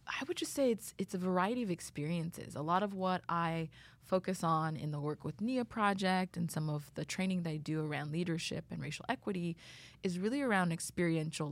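A woman from Canada, a tech leader and former attorney, answering interview questions in a measured, articulate way in a studio. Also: low-pitched, no echo.

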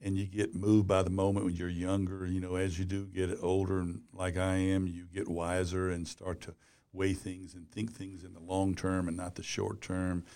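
A gravelly older man in his sixties, a publisher looking back on his career in an easygoing interview. His voice sits fairly low, and he rambles loosely, filling the gaps with "you know". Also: monotone, moderate pace, dark tone. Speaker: business publisher and columnist. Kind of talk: casual interview talk.

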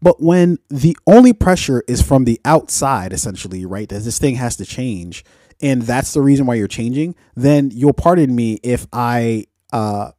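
A man's voice: medium pitch, animated, moderate pace, mellow, no room sound. A man chatting casually as a podcast co-host, blunt and profane, often checking that the listener follows. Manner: blunt, profane ranting with frequent check-in tags. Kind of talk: casual opinionated podcast chat.

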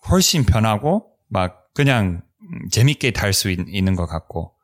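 A foreign-accented man discussing casually, often halting as he searches for words. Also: on the low side, sing-song. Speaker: co-host, Korean learner.

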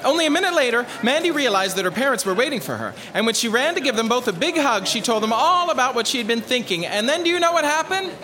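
A man's voice: very high voice, big pitch swings, quick pace, few pauses, sharp tone, full character voice, low-quality recording. A man playing a jaded, weary storyteller. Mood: storytelling. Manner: sardonic, deflated. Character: weary male storyteller Michael, jaded and sarcastic. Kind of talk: audio drama acting.

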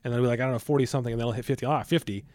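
A man's voice: mid-range voice, steady tone, racing, a little mellow, no room sound. A man in his thirties hosting a podcast, chatting casually, trailing off and laughing often. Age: 30s. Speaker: podcast host. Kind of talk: casual chat.

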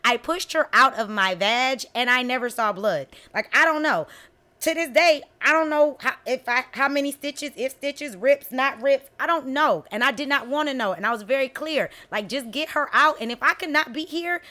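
A middle-aged woman telling a story in casual chat, frank and animated, acting out what people said. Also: high voice, normal speed. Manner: animated storyteller, frank and blunt, acts out quotes.

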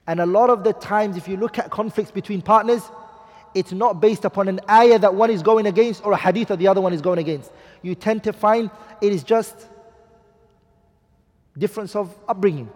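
Emphatic high-voiced man teaching a class. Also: darkish tone, big-room sound. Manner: emphatic, asks the class rhetorical questions; quotes Arabic hadith and poetry. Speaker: Islamic teacher. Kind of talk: classroom lecture on marriage.

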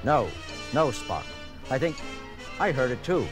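An actor playing a commanding, easily exasperated starship captain in a science fiction audio drama, emphatic and dramatic. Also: male voice, medium pitch, big pitch swings, unhurried. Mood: measured. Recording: music under the dramatised dialogue.

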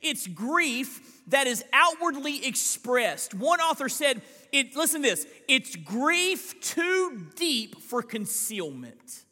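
A man's voice: very high-pitched, bright, forceful tone. A man preaching a live Sunday sermon as senior pastor, explaining scripture earnestly and asking the congregation pointed questions. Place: church sanctuary. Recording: long church reverb.

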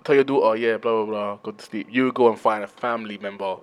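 A man's voice: lowish voice, fairly even intonation, fast, smooth. A man debating casually, challenging others with hypothetical cases.

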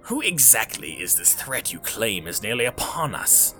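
A man's voice: lowish voice, sing-song, moderate pace, bright, forceful tone, faint music behind. A man narrating an audiobook, voicing a pot-bellied male senator who talks in a pompous, prickly way. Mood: indignant.

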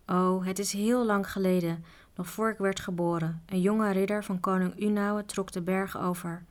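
A woman voicing a curious, eager young mountain boy, at times talking in an excited whisper in a storybook reading. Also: medium pitch, normal speed, natural voice.

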